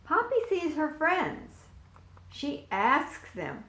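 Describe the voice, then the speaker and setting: A volunteer storyteller reads a picture book aloud to preschoolers, going very slowly and deliberately. Her fairly high, slightly bright voice swings widely in pitch and is full of expression, and she pauses to ask the children questions and point at the pictures. The room echoes.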